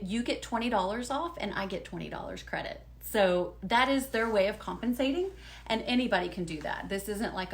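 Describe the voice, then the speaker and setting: A woman's voice: medium pitch, a bit bright, a little hiss or hum. A woman, chatting upbeat and folksy with viewers during a live unboxing at home. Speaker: lifestyle vlogger.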